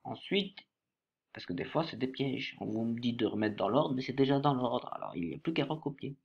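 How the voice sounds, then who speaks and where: A man teaching a workbook lesson to young pupils, slowly spelling words letter by letter and stressing each syllable. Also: mid-range voice, animated, creaky, slightly rough, muffled recording.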